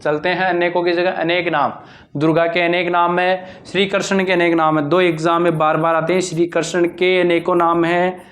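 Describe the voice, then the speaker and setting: Brisk, drilling male teacher. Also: high-pitched, flat delivery, a bit bright. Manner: drilling, repeats answers, asks and answers own questions. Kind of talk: exam-prep Hindi grammar lesson.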